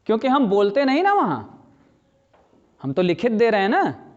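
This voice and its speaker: Hindi-speaking male teacher with a high, lo-fi voice. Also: wildly swooping pitch. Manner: explains slowly, repeats key phrases, asks students questions. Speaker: language teacher. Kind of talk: classroom lecture. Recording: slightly dull lo-fi sound.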